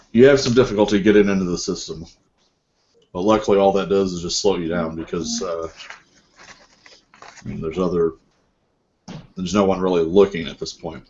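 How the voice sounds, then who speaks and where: A man narrating as game master in a tabletop role-play, relaxed and musing, with many fillers and restarts. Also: sits low, a little hiss or hum. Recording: dull lo-fi group recording.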